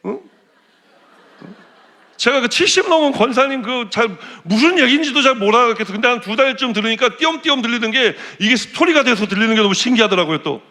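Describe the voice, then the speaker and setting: Man, pastor, middle-aged, sermon, lively storytelling, high-pitched, bright tone. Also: fast talker. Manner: animated storytelling, acts out prayers and quoted voices. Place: church.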